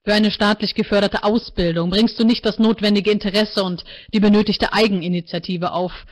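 A woman voicing a calm, coolly bureaucratic male AI life counselor in a book reading, speaking low and measured. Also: lightly acted. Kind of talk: author reading aloud.

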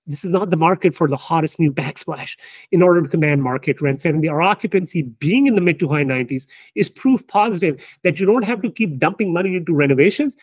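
A company founder casually discusses business results with emphatic, animated energy, often asking "right?" to check in. His voice is a little high and slightly rough, with no room sound.

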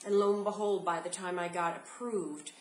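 A middle-aged woman giving a home video testimony as a patient, out of breath and speaking in a halting, earnest way with pauses. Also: on the low side, fairly even intonation, reverberant, slight background noise, poor audio.

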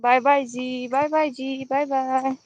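A woman's voice: high-pitched, level tone, slow, slight background noise, rough recording. A woman from the Dharashiv area, chatting casually on a live stream while herding goats outdoors, greeting viewers and reading their comments into her phone. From Dharashiv district, Maharashtra.

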